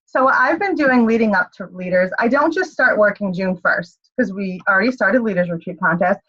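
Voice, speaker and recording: A woman's voice: medium pitch, lively intonation, a little fast, a bit bright, slightly rough, dull audio. A woman leading her team on a group call, upbeat and rallying, checking in often with "okay?". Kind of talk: motivational group call talk.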